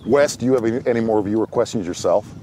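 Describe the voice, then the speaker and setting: A man hosting a live fishing show from a boat, chatting casually and getting excited about bites. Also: fairly low pitch, fast talker, background noise. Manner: excitable, jokey. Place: on a boat outdoors.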